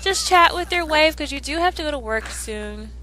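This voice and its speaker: With soft music in the background, this woman offers casual commentary while playing a life-sim game as a let's play host, rambling cheerfully with fillers and a throat tickled by an oncoming cold. She speaks at a moderate pace in a high, expressive voice with a sharp tone.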